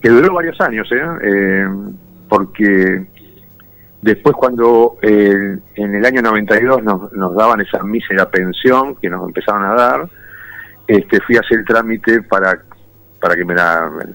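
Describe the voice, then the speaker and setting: Man, 50s, from Argentina, veteran interviewee, reflective storyteller, lowish voice, dry close sound. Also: a little slow, fairly bright tone, dry recording, rough recording. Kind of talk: personal testimony in an interview.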